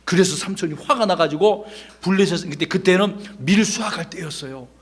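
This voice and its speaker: A middle-aged male pastor giving a children's Sunday school sermon, telling the story with lively questions to the kids. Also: high-pitched, fairly quick, slightly rough. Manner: animated storytelling, quizzing children.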